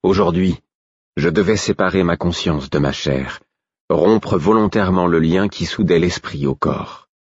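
A man reading a first-person story aloud in a measured, grave narration. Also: low voice, husky, no room sound. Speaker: audiobook narrator. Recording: dry, slightly dull recording.

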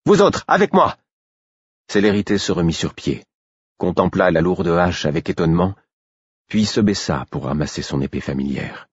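Male audiobook narrator, very low husky voice, dry and slightly muffled recording. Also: a little mellow, no room sound. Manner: measured, dramatic reading. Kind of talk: scripted narration.

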